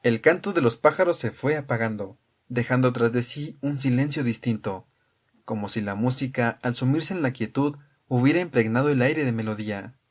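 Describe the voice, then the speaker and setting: Calm male audiobook narrator. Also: medium pitch, moderate pace.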